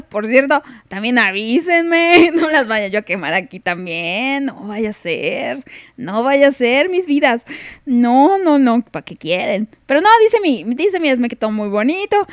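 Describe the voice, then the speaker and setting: A young woman with a Mexican accent hosts a casual live radio podcast, chatting on a live stream in a playful, teasing way and laughing often. Her voice is a little high, captured in a dry, studio-quality recording.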